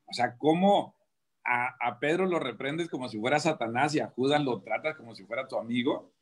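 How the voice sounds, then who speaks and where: A man speaks in a husky, somewhat breathy voice at an ordinary male pitch. He preaches in conversation from a radio studio, emphatic and full of rhetorical questions. His sentences often restart midway as he drives his point home. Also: moderate pace. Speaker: prison preacher.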